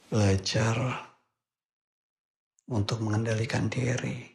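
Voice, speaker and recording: A cold, stern Islamic teacher. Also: male voice, lowish voice, level tone, vocal fry, darkish tone. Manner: cold, measured, authoritative. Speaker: religious teacher at a boarding school. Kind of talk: film drama.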